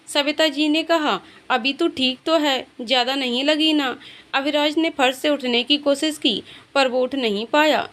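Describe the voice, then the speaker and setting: A woman narrates a romantic drama in a high voice. She reads the dialogue of every character without changing much from her narrating tone, in a smooth, scripted storytelling manner. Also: a bit bright. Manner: reads all the characters' lines in her own voice.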